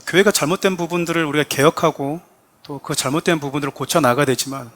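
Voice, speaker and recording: A male pastor with a voice pitched a little higher than most men delivers a sermon in church. He talks straight to his congregation and acts out quoted speech with rising emphasis. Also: a bit bright. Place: church sanctuary.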